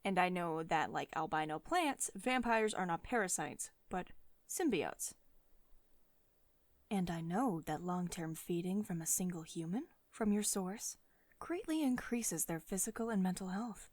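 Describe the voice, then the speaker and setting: Acting as a commanding female CEO in an intimate, echo-free ASMR roleplay, a woman speaks expressively and a little slowly, letting her pitch move freely. Her mood is firm and instructive as she delivers clipped, sardonic, condescending reprimands laced with sugary pet names. Beneath the domineering authority there's a caring edge.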